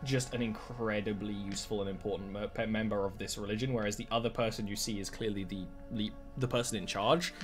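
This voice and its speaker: A man working as game master, improvising narration for a tabletop game in an animated, conversational way. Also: fairly low pitch, fast talker, few pauses, soft background music.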